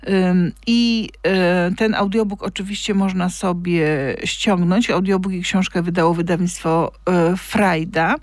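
A woman's voice: lowish voice, steady tone, unhurried, no echo. A woman presenting in a radio studio, talking casually and hesitantly with many fillers.

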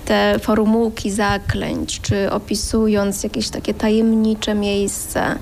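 A woman's voice: medium pitch, steady tone, takes it slowly, gravelly, darkish tone, faint music behind. A woman author answering interview questions thoughtfully, with frequent hesitations. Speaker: children's book author.

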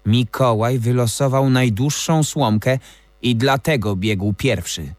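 A man's voice: mid-range voice, unhurried, no echo, close to an everyday voice. A man reading an audiobook and voicing a bold, defiant young princess with a firm, decisive tone. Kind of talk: audiobook character voice.

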